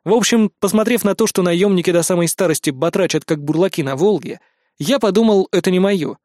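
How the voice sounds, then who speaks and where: A man's voice: high voice, fairly quick, darkish tone, no room sound, studio quality. A man reading a first-person audiobook narration in a wry, matter-of-fact way.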